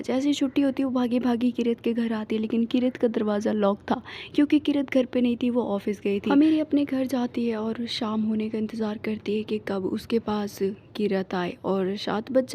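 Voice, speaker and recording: A woman storyteller narrating a romance in a gentle, chatty way and talking to her viewers. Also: fairly high pitch, slight background noise.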